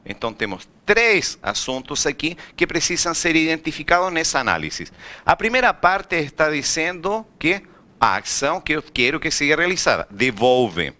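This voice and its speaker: A man's voice: fairly high pitch, moderate pace. A man teaching Spanish in a classroom, often asking the students questions. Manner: lively, rhetorical questions to students. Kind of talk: recorded classroom lecture.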